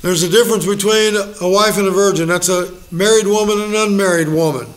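A man's voice: high voice, fairly even intonation, a little fast. A middle-aged male pastor leading a Bible study, folksy and joking, acting out little quotes.

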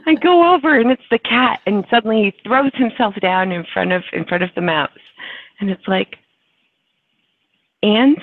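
A woman's voice: fairly high pitch, expressive, normal speed, pauses often. A woman in a casual chat, telling funny stories and laughing often. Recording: tinny phone-like dry line.

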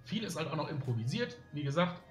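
A man streaming live from a studio room with windows rambles casually to his viewers, using lots of fillers as faint music plays. His voice is on the high side, sing-song, and fast.

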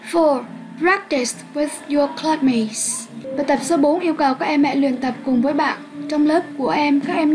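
A woman's voice: high-pitched, rough recording. A young woman teaching an English lesson in two languages, patiently explaining to pupils and checking they follow. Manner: patient, addresses pupils warmly and checks understanding.

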